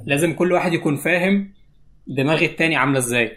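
A man's voice: on the high side, rapid-fire, a bit bright. An Egyptian man speaking in natural, unscripted casual talk as an interview guest, explaining things step by step. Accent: Egyptian Arabic. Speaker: interview guest, YouTube animator.

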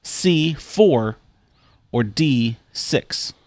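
A man's voice: mid-range voice, animated, normal speed, no echo. A man co-hosting a casual fitness podcast, easygoing, reading out trivia questions in earnest. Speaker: podcast co-host running a trivia segment. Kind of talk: casual chat.

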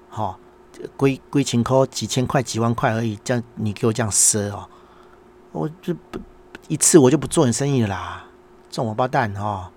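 A man's voice: on the low side, a little mellow, slight background noise. A middle-aged man with a Taiwanese Mandarin accent, hosting a casual monologue and telling an exasperated story while acting out the dialogue. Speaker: podcast host, small business owner.

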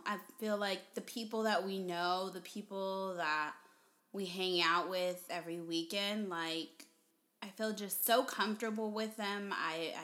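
A woman's voice: mid-range voice, fairly bright tone. A woman chatting casually with her husband for their vlog, chatty and giggly, rambling a little. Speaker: wife in a couple's vlog. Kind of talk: casual chat.

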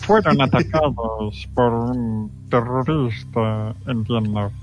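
A man playing a tabletop game over a voice call that keeps breaking up, his words slow and dragged out. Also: medium pitch, soft background music, rough recording. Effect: voice call cutting out, choppy and breaking up. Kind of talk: casual online game chat.

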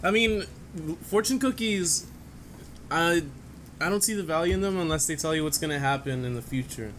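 A man's voice: a little high, moderate pace, a bit bright, a little hiss or hum. A young man in a casual chat with friends, rambling and laughing often.

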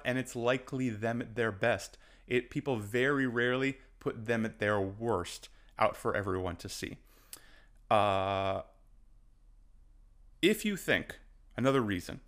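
A man's voice: mid-range voice, a bit bright. Casting note: male fitness coach with a mid-range voice, emphatic motivational delivery. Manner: passionate, emphatic, repeats for stress; moves about while talking. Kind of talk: motivational talk to camera.

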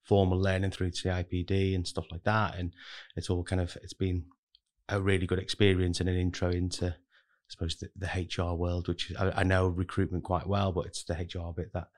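A man's voice: low-pitched, monotone, a little fast, a little mellow. A man speaking casually as a podcast guest, rambling and hedging as he explains himself. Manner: rambling, heavily hedged with kind of and really. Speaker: podcast guest, recruitment manager. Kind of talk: casual interview talk.

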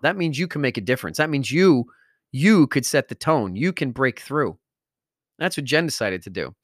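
A man's voice: mid-range voice, fairly bright tone, no echo, studio quality. A man hosting a podcast, delivering an emphatic motivational monologue and repeating phrases for stress. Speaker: podcast host.

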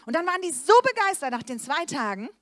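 A middle-aged woman evangelist preaching a lively sermon, swinging between loud emphasis and soft, low asides. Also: fast talker, no echo, clean studio sound.

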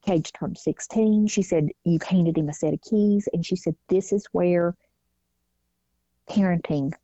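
A woman talks through a personal story in an easy interview, slipping into the voices of people she quotes. Her voice sits low and mellow. The recording is dull and lo-fi, with a dry, close sound. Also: measured pace, no room sound. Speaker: guest, mother. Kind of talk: casual interview talk.

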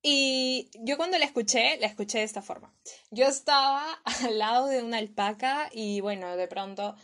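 A woman's voice: on the high side, normal speed, a bit bright. A young woman from Peru with a Peruvian Spanish accent, teaching slang in a playful, casual vlog style and repeating each word to drill it.

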